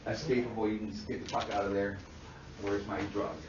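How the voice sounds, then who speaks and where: A man lecturing counselors in a classroom, animated, swearing freely and checking constantly that students follow. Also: fairly low pitch, fairly quick, slight background noise. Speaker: instructor teaching counselors. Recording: dull roomy sound from far off.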